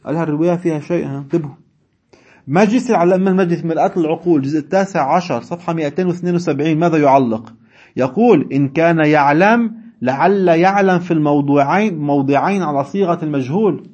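Fast-talking man teaching. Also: a little high, darkish tone, dull audio. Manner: reads classical text then explains in dialect, chuckling asides. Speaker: religious studies teacher. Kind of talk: seminary lecture reading and explaining texts.

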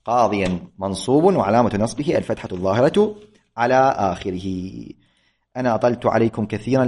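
A man teaching a grammar lesson, patiently repeating points and correcting himself aloud. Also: mid-range voice. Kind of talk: classroom lecture.

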